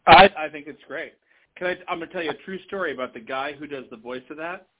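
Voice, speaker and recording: A man's voice: on the high side, fast. An American man chatting casually as a podcast guest over the phone, telling stories with chatty emphasis. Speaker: podcast guest, convention organiser. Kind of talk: casual phone interview chat. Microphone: phone call. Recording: tinny live phone line.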